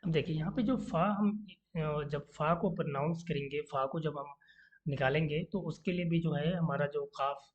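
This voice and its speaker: A recitation teacher giving an online pronunciation lesson, slowly repeating each letter sound to demonstrate it and mixing in English words while explaining. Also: medium pitch, dull audio.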